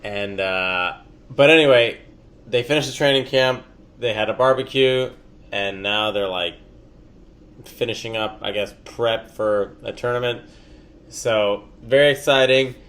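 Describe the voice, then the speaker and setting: A man's voice: medium pitch, a little slow, a bit bright. A man with a stuffy nose hosting an anime reaction vlog, chatting casually and upbeat, laughing often. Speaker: anime reaction channel host.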